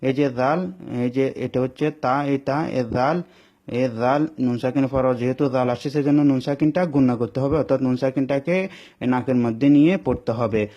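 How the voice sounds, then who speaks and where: A man's voice: medium pitch, steady tone. A man teaching Quran reading. He spells out letters step by step, repeats himself patiently and answers his own questions. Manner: stretches words into slow sung recitation. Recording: dull lo-fi recording.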